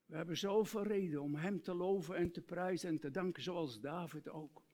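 A male preacher giving an earnest sermon, reciting hymn lyrics and dropping to soft, tender tones. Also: high voice, moderate pace.

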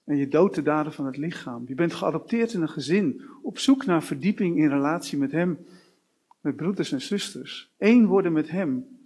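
A man's voice: fairly high pitch, lively intonation, darkish tone, slightly rough. A man preaching a sermon, working through long runs of short rhetorical questions. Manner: slow, with repeated rhetorical questions.

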